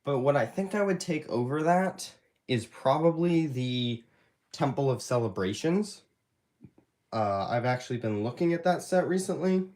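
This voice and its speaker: A man's voice: mid-range voice, lively intonation, moderate pace, a little mellow. A young man hosting a casual live stream Q&A, sounding stuffy from allergies and talking in a rambling, hesitant way with many fillers. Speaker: YouTube creator hosting a live Q&A. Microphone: handheld phone camera.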